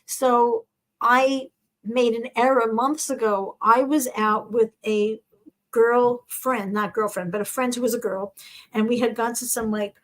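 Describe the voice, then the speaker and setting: A woman comedian hosting a show, telling a story in a lively, animated way and acting out the people in it. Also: fairly high pitch, measured pace, rough recording. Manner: animated, acts out quoted voices. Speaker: host.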